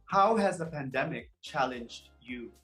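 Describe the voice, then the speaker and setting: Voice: mid-range voice, expressive, measured pace, a bit bright, faint music behind. An interviewer putting formal, scripted questions to pageant contestants.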